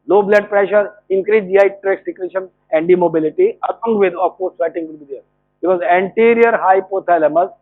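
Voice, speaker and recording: A man's voice: high voice, no room sound. A male medical college lecturer, explaining a topic and answering his own rhetorical questions. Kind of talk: classroom lecture. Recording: tinny phone-like lo-fi audio.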